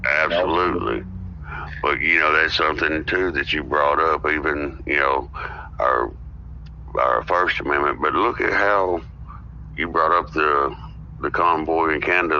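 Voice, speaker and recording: A man with a rumbling low, bright and forceful voice speaks at a measured pace as a guest in a casual political podcast chat. He agrees readily and peppers his talk with "you know," heard through muffled lo-fi audio with faint noise.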